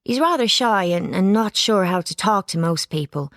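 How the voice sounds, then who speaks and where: A woman reading a children's storybook aloud, giving it lively expression. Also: medium pitch, moderate pace, no echo, clean studio sound. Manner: lively character voices, plain narration. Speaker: audiobook reader. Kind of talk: storybook narration.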